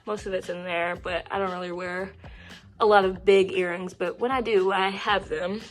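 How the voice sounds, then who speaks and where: Soft-spoken rambling woman giving a tour. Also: mid-range voice, steady tone, normal speed, faint music behind. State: out of breath. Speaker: nail content creator. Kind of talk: casual room tour.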